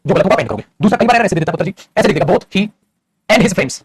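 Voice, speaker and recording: A man teaching English grammar in a lecture. He explains fast, calls his students "beta" and keeps asking if they follow. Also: high-pitched, lively intonation, slightly rough, dry recording, clean studio sound. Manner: rapid and explanatory, addresses students as "beta", often asks "theek hai?". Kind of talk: classroom lecture in Hindi mixed with English.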